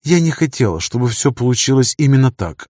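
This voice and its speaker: A man's voice: medium pitch, lively intonation, fairly quick, darkish tone, no room sound, clean studio sound, close to an everyday voice. A man voicing a captive young woman who is sulky and defiant, snapping and pleading by turns. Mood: bitter.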